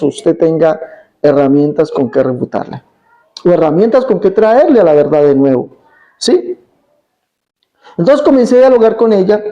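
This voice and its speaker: A man's voice: high-pitched, warm tone, muffled recording. A man preaching a Bible teaching, emphatic, repeating his points and asking rhetorical questions.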